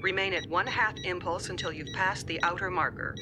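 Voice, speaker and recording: An actor playing a starbase officer who gives formal clearance over a starship communicator channel, calm and measured. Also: mid-range voice. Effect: starship communicator transmission. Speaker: starbase officer hailing a ship. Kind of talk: TV drama acting. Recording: distant TV clip with music beneath.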